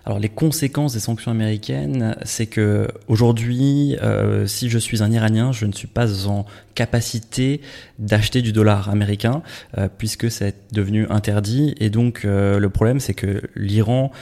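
A man answering interview questions at length, hesitant and filling pauses with frequent ums. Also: lowish voice, fairly even intonation, gravelly, dark tone. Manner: hesitant, many "euh" fillers.

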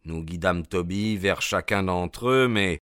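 A man narrating a classic detective novel in an audiobook, measured and expressive. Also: deep voice, clean tone, no echo, clean studio sound. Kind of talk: scripted literary narration.

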